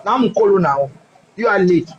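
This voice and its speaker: A man's voice: high voice, expressive, moderate pace, muffled recording, a loud crowd. A male host on a live stream who keeps interjecting and talking over his guest in French and Lingala.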